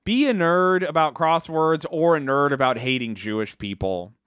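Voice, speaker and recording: A man's voice: fairly high pitch, normal speed, fairly bright tone, clear, resonant tone, dry recording, studio quality. A man co-hosting a podcast, reading aloud and joking around in casual chat. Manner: joking, playful. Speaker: podcast co-host.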